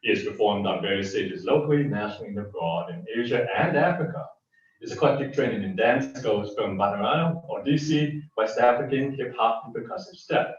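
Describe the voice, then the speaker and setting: Man, guest host, stage introduction, halting, restarts a lot, dull far-off sound. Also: mid-range voice, expressive, heavy reverb. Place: live poetry event venue.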